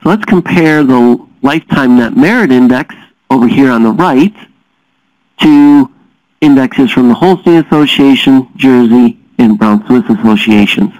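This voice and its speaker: A man's voice: medium pitch, unhurried, no echo. Man explaining dairy economics, dull dry sound. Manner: explanatory, steady, with frequent "uh" fillers. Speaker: dairy science lecturer. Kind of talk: recorded lecture.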